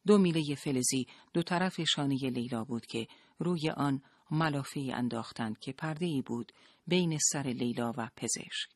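A narrator reading an audiobook in a steady, measured way, with a middle pitch. The sound is dry and close, with no room around it. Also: no echo.

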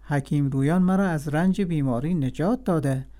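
A man voicing an angry, suspicious old king who gives commands with a quick temper, in a read-aloud storybook. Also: fairly high pitch, warm tone, close to an everyday voice. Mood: stern.

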